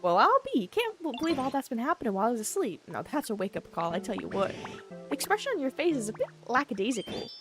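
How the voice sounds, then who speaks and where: A woman's voice: fairly high pitch, very animated, fast, music in the background, pitched above the performer's own voice. A woman voicing a sleepy, drawling country man while reading game dialogue aloud. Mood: folksy.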